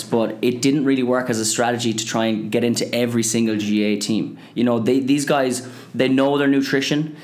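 A man in his twenties with a west of Ireland accent chats casually as an interview guest and business co-founder. His voice is mid-range with a darkish tone.

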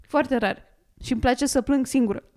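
A woman's voice: sits high, darkish tone. A woman chatting casually and laughing with friends, tossing in English phrases. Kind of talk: casual podcast chat.

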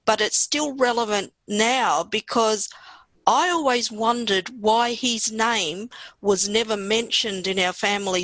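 A woman's voice: mid-range voice, fairly bright tone, dry recording, rough recording. Australian woman poet, reflective, close dry sound. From Western Australia. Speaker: poet being interviewed. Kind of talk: reflective conversational storytelling.

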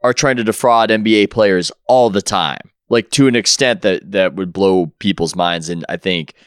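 Man, podcast guest, clear resonant voice, dry close sound, animated storyteller. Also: low-pitched, moderate pace, no echo. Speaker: guest writer. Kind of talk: casual podcast chat.

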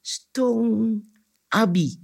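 A man voicing a sly, boastful male spider trickster in a spoken folk tale, scheming and quick to anger. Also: sing-song, a little mellow. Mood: furious. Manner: scheming, then shrill and furious.

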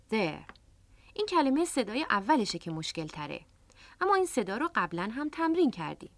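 Lively-voiced woman teaching on radio. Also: a little high, dry recording. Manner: patient, explanatory. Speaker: English teacher and radio host. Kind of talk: radio language lesson. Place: radio studio.

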